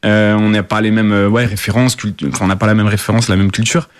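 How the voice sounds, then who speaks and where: A young man from the Paris suburbs in France, appearing as a rapper guest, fields interview questions quickly in a level, lowish voice. His casual answers are full of fillers and restarts, and there's no echo in the recording.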